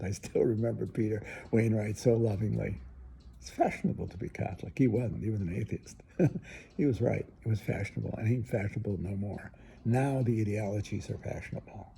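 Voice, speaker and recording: A man's voice: lowish voice, creaky, warm tone, breathy edge. An older man, a priest, giving an earnest, emphatic spoken reflection in a conversational way with asides.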